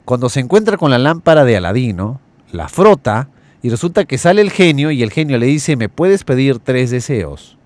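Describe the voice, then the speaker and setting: A man hosting a motivational radio talk, earnestly addressing listeners and slowly listing words. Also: mid-range voice, very animated, no echo. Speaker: radio host.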